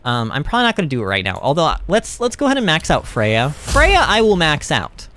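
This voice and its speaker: A young man hosting a game livestream, chatting loosely and answering his chat as he plays. He rambles and laughs easily. His fairly high voice leaps up and down with lively swings in pitch. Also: brisk. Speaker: streamer. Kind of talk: livestream gaming commentary.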